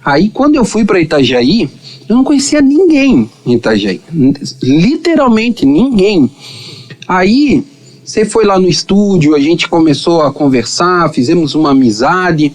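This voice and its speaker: A man with a fairly high voice hosts a relaxed podcast chat. His pitch swings widely as he fires off friendly questions and tells stories. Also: unhurried. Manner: lively, questioning, chatty. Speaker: podcast host. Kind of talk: casual podcast conversation.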